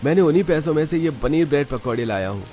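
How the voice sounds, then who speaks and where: A man's voice: fairly high pitch, animated, fast, dark tone, faint music behind, voice pushed up, lightly acted. A man doing a poor humble village father. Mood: pleading.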